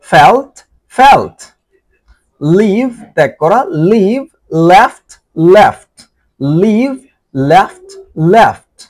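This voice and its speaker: Lively sing-song Bengali male teacher. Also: high voice. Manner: repeats each word form several times in a sing-song drill. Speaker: English teacher. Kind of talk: drilling vocabulary lesson.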